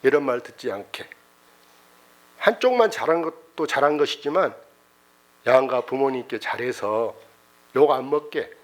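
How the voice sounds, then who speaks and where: Folksy middle-aged Korean pastor preaching. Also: male voice, mid-range voice, lively intonation, moderate pace, long pauses. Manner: folksy, emotional storytelling with exclamations. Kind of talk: sermon storytelling.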